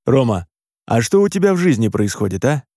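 A man's voice: medium pitch, very animated, brisk, warm tone, no room sound, studio quality. A man doing a stern, scolding father. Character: stern middle-aged father, reproachful.

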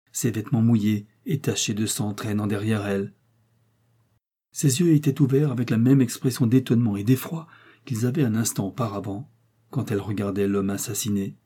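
Male audiobook narrator, husky voice, mellow dark tone, measured dramatic reading. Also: mid-range voice. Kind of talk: scripted narration of a novel.

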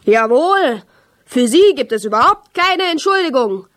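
A woman's voice: high-pitched, very animated, unhurried, pitched above the performer's own voice, heavily acted. Woman doing a bellowing fat boss. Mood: furious. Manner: shouting, contemptuous. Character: bellowing fat male company vice-president, furious.

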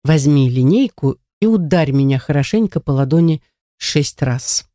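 A reader voicing a kind but firm older male teacher who speaks calmly and gently. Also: medium pitch, moderate pace, no echo, studio quality, natural voice.

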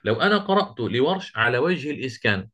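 Man, recitation teacher, lively rising and falling pitch, quizzes students, chants verses slowly. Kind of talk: classroom lesson with chanted verse quotes.

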